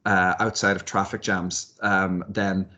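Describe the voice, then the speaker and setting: A man's voice: low-pitched, little pitch movement, unhurried, pushed and bright, dull audio. A man giving thoughtful, hesitant interview answers, often repeating words as he works out his ideas. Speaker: university lecturer and researcher, interviewee.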